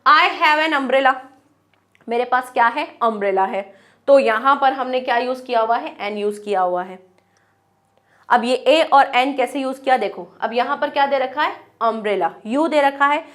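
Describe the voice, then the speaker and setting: High-voiced woman teaching grammar. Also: a bit bright. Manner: explains step by step, sounding out words slowly. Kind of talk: online grammar lesson.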